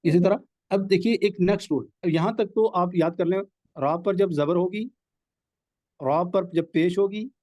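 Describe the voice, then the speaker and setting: High-voiced patient tajweed teacher, man. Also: darkish tone, no echo. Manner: patient, repeats rules and examples slowly. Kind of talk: live online class lesson. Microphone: video call.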